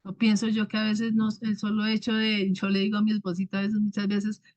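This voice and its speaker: Woman, church group speaker, loud and halting, dull dry recording. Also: medium pitch, completely flat delivery, dry recording. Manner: halting, many restarts and fillers; loud speaker by her own account. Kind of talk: casual devotional talk.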